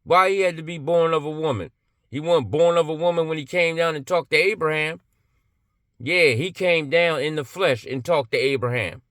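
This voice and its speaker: A man's voice: on the high side, moderate pace, a bit bright, no room sound, clean studio sound. A man giving an impassioned religious monologue, emphatic and blunt, firing off rhetorical questions and swearing freely.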